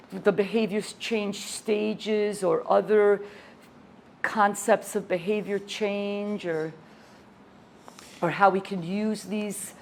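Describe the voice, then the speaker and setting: A woman in her sixties leading a workshop for trainers, lively and enthusiastic as she teaches and tells stories. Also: medium pitch, creaky, a little hiss or hum. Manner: energetic, enthusiastic storyteller. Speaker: fitness educator leading a workshop.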